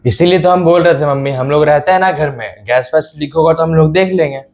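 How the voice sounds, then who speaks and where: A man's voice: fairly high pitch, a little fast, a little mellow, lo-fi sound, natural voice. A man playing a stubborn, grumbling teenage son in a comedy sketch, talking back to his mother. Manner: grumbling, backtalking.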